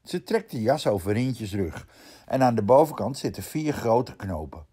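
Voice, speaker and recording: A storyteller reading a children's picture book aloud in a gentle, expressive way. His voice is husky, and his pitch moves a lot as he tells the story. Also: moderate pace.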